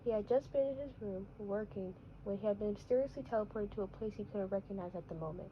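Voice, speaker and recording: A woman's voice: mid-range voice, quick pace, slight background noise. Woman reading a story, stumbling often. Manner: stumbling, restarting phrases often. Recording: dull lo-fi recording.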